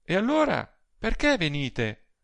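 A man's voice: high voice, huge pitch swings, measured pace, gravelly, fairly bright tone, no echo, voice pushed up, heavily acted. A male reader voicing a proud, weary married woman in an audiobook, with curt, haughty replies.

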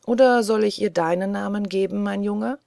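A woman reading the lines of an old, fussy British colonel in an audiobook, earnest and softly pleading. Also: mid-range voice, normal speed, vocal fry, dry recording, studio quality, natural voice. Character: elderly male British colonel, gentle, fussy.

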